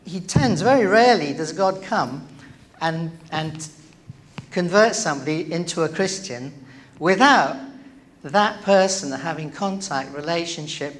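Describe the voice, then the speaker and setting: A man preaching in church, his voice sitting a little higher than most men's. He talks to the congregation in a loose, chatty way, with plenty of ums and direct questions. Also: lively intonation, measured pace, a bit bright. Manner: conversational, with many fillers and questions to the congregation. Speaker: pastor. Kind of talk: sermon.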